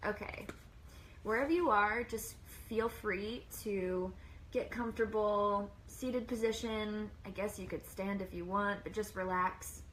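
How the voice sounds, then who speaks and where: A woman's voice: medium pitch, fairly even intonation, measured pace, a bit bright, a little hiss or hum, rough recording. A woman hosting a casual live stream from a plain room, chatting and greeting viewers one by one by name.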